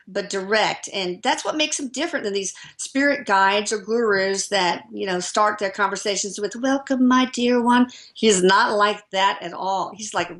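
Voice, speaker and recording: A woman's voice: mid-range voice, a bit bright. A woman speaking as a guest author, telling stories enthusiastically in casual chat with frequent fillers.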